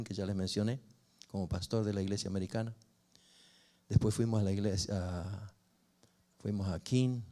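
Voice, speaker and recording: An older man, a pastor telling a personal story in a sermon with expressive rises and falls. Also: on the low side. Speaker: pastor and family counselor.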